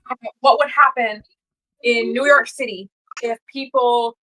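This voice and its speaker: A woman's voice: a little high, steady tone, measured pace, pushed and bright, poor audio. A woman co-hosting a podcast in casual chat, telling stories earnestly and emphatically. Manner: earnest, emphatic, rambling storytelling. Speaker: podcast co-host.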